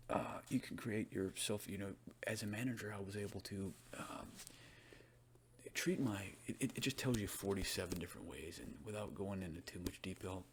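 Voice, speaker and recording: A man doing a soft-spoken, ASMR role-play as a librarian, chatting about books in a rambling, informal ASMR style. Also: deep voice, background noise. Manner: rambling, informal, conversational book commentary. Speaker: ASMR performer playing a librarian.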